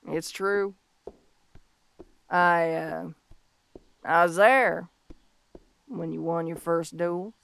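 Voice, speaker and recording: Woman playing a slow-talking tough tomboy cowgirl. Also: fairly low pitch, creaky, fairly bright tone, dry recording, heavily acted. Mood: hesitant, fond. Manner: tomboyish, folksy Old West talk, halting and heartfelt. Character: tough tomboy cowgirl bounty hunter, tender and earnest. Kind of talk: scripted audio role-play monologue, intimate and slow.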